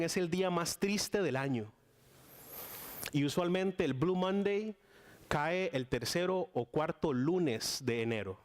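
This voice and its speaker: A young Costa Rican man with a Costa Rican accent, preaching a casual guest sermon with lots of fillers and restarts. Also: a little high. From Costa Rica. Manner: chatty and warm with frequent fillers and restarts.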